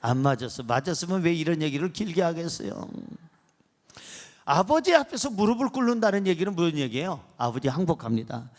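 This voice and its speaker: A man's voice: on the high side, animated, a little fast. A male pastor preaching a sermon in a church, leading the congregation in call-and-response and acting out scenes as he tells stories. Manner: acts out dialogue in storytelling.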